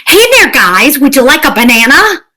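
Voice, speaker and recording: A woman's voice: sits high, sing-song, moderate pace, bright, forceful tone, pitched above the performer's own voice, full character voice. A woman reading aloud and voicing a cheerful piranha who keeps offering fruit to his friends. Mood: coaxing. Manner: upbeat, coaxing.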